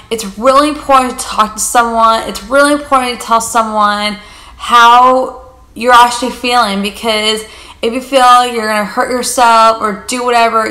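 Young woman, casual vlog, chatty and rambling, bright voice, echoey living room. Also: on the high side. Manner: chatty, rambling, fillers of like and you guys. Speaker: vlogger. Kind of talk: casual vlog chat to camera. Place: living room on a leather couch.

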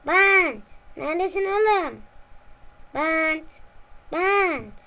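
A woman's voice: high-pitched, measured pace, gravelly. Grumpy eraser, as a woman puts it on. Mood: calling out. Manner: exasperated grumbling, calling out loudly. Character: grumpy annoyed eraser hunting for its tape friend.

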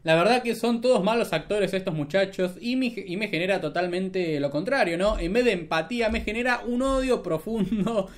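A young Argentine man doing casual political commentary as a streamer, sarcastic and mocking, at a desk mic in a small room. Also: sits high. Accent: Argentine Spanish.

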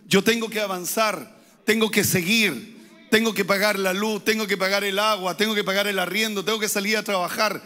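A man's voice: high-pitched, fairly even intonation, normal speed, bright, forceful tone. A man, a pastor, preaching a sermon with emphatic, repeated phrases and rising intensity. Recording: hall reverb.

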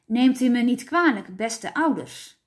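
A formal, reassuring storybook doctor addressing parents on television, as a woman reads him. Slow and deliberate, every phrase carefully measured. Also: a little high, animated.

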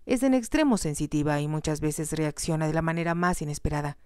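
Woman doing a steady male doctor, firm, reassuring, low voice, storybook reading. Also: fairly quick, clean tone, dry recording, clean studio sound, natural voice. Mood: measured. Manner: steady, reassuring, stern at times. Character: calm firm family doctor, man.

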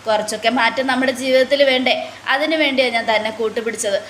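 A woman's voice: a little high, steady tone, fast, fairly bright tone, echoey room, slight background noise, lightly acted. Woman playing a smug scheming boss man. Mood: scheming assurance. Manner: dismissive, reassuring with contempt. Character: scheming male manager, calm and bossy.

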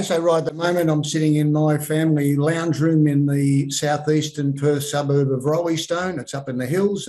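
An Australian man in his sixties, an author, telling stories in a relaxed way with frequent ums and restarts over a video call from his home lounge room. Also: on the high side, low-quality recording. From Melbourne, Australia. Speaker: author guest. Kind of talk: casual interview. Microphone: video call webcam.

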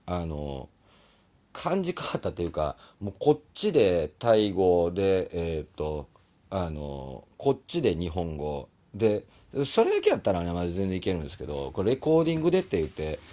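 A man's voice: sits low, wildly swooping pitch, normal speed, warm tone. A man with an Osaka accent, a musician chatting casually on a live stream from a recording studio, rambling and apologizing, often laughing. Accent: Osaka dialect.

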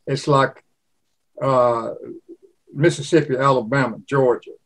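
A man's voice: medium pitch, fairly even intonation, measured pace, a bit bright. A man in his eighties from Louisiana, a cookbook author, chatting in an interview and telling rambling stories. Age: 80s. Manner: rambling storyteller, slips into regional imitations. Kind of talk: casual interview chat.

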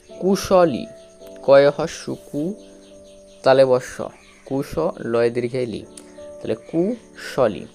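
A man teaching a spelling lesson, sounding out syllables slowly and repeating them, with regular checks that the learner follows. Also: mid-range voice, warm tone. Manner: slow, repetitive, drawn-out syllables with frequent checks.

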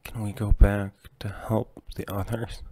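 A hoarse, frightened young mother, as a male narrator puts her on, her words hushed and shaken. She speaks low, flat and slow, in a dry, close sound with soft music underneath. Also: no room sound, exaggerated voice. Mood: fearful.

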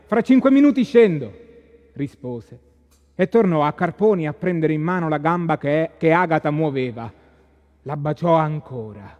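A man's voice: fairly high pitch, moderate pace, dull audio. Man narrating in an echoing hall. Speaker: stage reader. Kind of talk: staged literary reading. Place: library hall.

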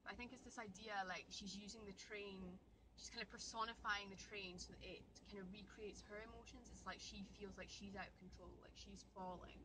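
A woman's voice: medium pitch, steady tone, fairly quick. Female student, casual and talkative, recorded with heavy background noise. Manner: chatty, thinking aloud with fillers. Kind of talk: casual discussion of a poem.

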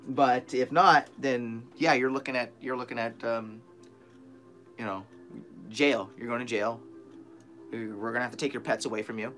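A young man vlogging from a small bare room, animated and profane as he retells a tense story to a close camera. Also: mid-range voice, normal speed, soft background music.

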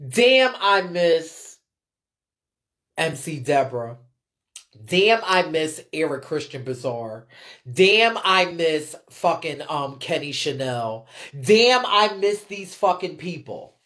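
Ranting off the cuff on her livestream, a ballroom scene commentator is blunt and emphatic, swearing freely in heavy slang and repeating phrases to drive points home. Her voice sits low and is fairly bright and very animated, though she takes it slowly.

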